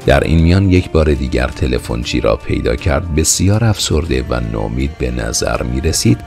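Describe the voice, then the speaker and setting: Deep-voiced male narrator with a gravelly rasp, for steady historical audiobook reading. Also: soft background music. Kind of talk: scripted narration of a historical novel.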